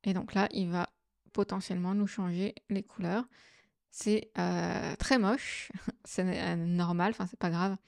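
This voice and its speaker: A woman hosting a software tutorial, explaining each step casually with frequent fillers. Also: fairly low pitch, steady tone, a little slow, vocal fry, no room sound, clean studio sound. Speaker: astrophotography tutorial host. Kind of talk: screen-recorded software tutorial.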